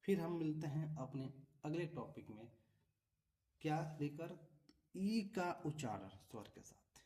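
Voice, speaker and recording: A man's voice: a little high, animated, unhurried, warm tone. A man teaching English pronunciation rules, explaining patiently, repeating example words and checking with tag questions. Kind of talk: classroom-style explanation. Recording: voice from a distance off the mic.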